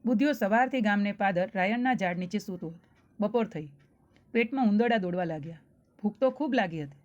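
A woman's voice: mid-range voice, dull audio. A woman telling a children's story, speaking directly to young listeners and asking them questions.

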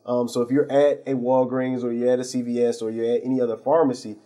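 A man's voice: medium pitch, flat delivery, fast, mellow. A man, a pharmacy owner, explaining his services as a guest on a TV interview show, earnest and full of fillers and restarts. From St. Louis area.

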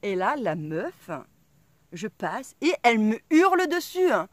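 A woman's voice: fairly high pitch, very animated, measured pace, no echo. A woman vlogger casually telling a story to her viewers, blunt and colloquial, swearing freely and full of fillers. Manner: chatty, full of fillers and asides. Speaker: off-grid vlogger.

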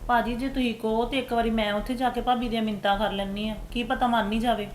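A woman playing a gentle young sister who speaks softly and pleadingly to her family. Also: a little high, steady tone, fast talker, a little hiss or hum, close to an everyday voice. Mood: worried. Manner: soft, pleading.

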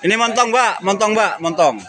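A man's voice: high-pitched, a little fast, over music. A man with an East Javanese accent chats casually with vendors outdoors as he films, often repeating his phrases. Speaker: market vlogger. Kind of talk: casual chat with vendors while filming. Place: open-air fruit market. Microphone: handheld camera or phone, speaker off camera. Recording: busy outdoor market crowd.

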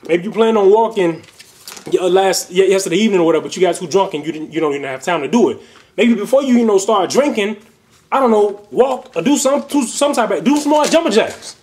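A young fitness vlogger with a high, lively voice that's a little mellow talks fast while giving casual fitness tips in a video response. He rambles loosely, full of fillers and restarts, recorded on a webcam in a small bedroom at home.

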